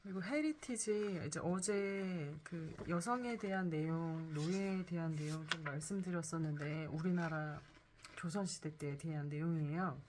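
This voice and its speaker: A woman in her forties, vlogging casually about her day and reading from a book, with frequent soft fillers. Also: low voice, normal speed, a little hiss or hum. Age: 40s. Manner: soft-spoken, many "음" and "네" fillers.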